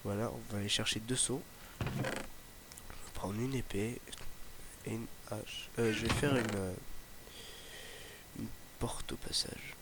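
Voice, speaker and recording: This gaming YouTuber, a young man with a slight Ardèche accent, has a voice on the low side and a steady tone, taking things slowly with long pauses. His casual Let's Play chatter rambles, packed with fillers and restarts, captured on a noisy home mic.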